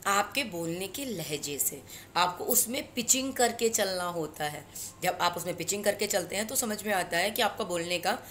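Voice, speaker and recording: A woman with an Indian accent teaching a spoken English lesson, switching between Hindi and English and slowing down for English phrases. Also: mid-range voice, a bit bright, a little hiss or hum. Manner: mixes Hindi and English, slow deliberate English phrases.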